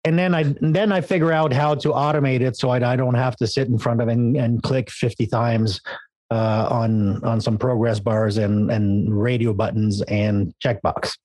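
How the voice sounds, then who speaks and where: A man's voice: mid-range voice, fairly even intonation, moderate pace, darkish tone, no room sound. A man whose first language is French, explaining tech casually on a podcast, with stress landing on unexpected syllables. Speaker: technical expert guest.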